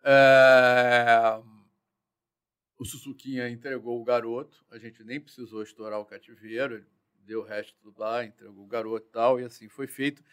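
Animated man telling police stories. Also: mid-range voice, moderate pace, clean tone. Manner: animated, slangy and profane, acts out dialogue. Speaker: interview guest, former police chief. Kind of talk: casual storytelling interview.

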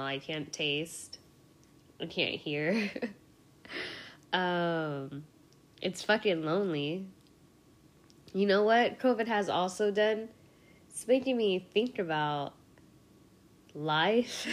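A young woman hosting a casual solo podcast, sick and rambling, swearing freely and laughing often. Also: deep voice. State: sick with a cold, congested voice. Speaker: podcast host.

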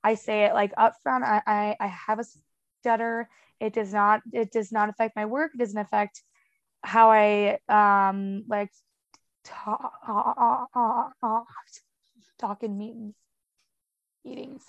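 A young woman, a podcast guest, talks casually and frankly in a conversational interview, full of fillers and with a marked stutter of repeated sounds and blocks. Her mid-range voice stays level, and she goes slowly with frequent pauses. The audio is lo-fi with no room sound.

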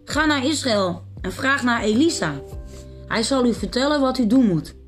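A woman's voice: fairly high pitch, lively intonation, moderate pace, faint music behind, pitched above the performer's own voice, natural voice. A woman doing an eager little servant girl. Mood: earnest. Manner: eager, bright and cheerful. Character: small, hopeful young servant girl.

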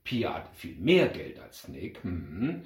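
A man's voice: low-pitched, wildly swooping pitch, slow pace. A man expressively reading a children's story aloud, then addressing his friends. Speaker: reader and club speaker. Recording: roomy echo.

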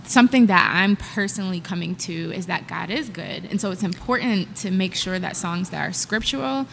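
A woman's voice: fairly low pitch, lively intonation, moderate pace, vocal fry, a little hiss or hum. A woman hosting a podcast in a casual, upbeat and emphatic conversational way. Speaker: podcast host, singer.

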